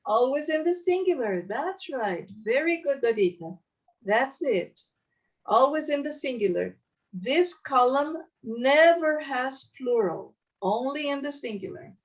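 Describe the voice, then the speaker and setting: Slow, clear female English teacher. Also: high voice, expressive, recorded from a distance. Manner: slow, clear drilling and correcting. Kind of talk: online English lesson.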